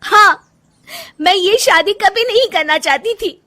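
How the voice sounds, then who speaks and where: A woman playing a frustrated young daughter-in-law in an animated moral story, curt and emotional. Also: very high voice, a little slow, heavily acted. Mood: tearful, bitter.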